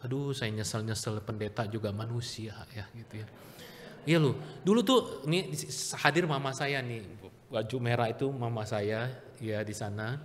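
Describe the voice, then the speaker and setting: Lively pastor in a reverberant church. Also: male voice, mid-range voice, normal speed. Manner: lively, swings between loud calls and soft asides; asks the congregation questions. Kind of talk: sermon. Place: church hall.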